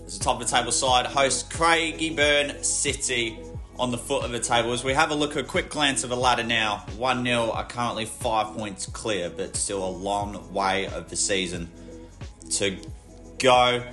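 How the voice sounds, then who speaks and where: A man's voice: mid-range voice, normal speed, sharp tone. Man, football commentator, sports commentary, close voice-over, music underneath.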